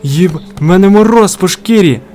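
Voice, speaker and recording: A man's voice: high voice, expressive, moderate pace, a little mellow, slight background noise. A man commentating a horror game as he plays, jumpy and swearing constantly, yelping when startled. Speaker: gamer playing a horror game. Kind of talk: let's play commentary.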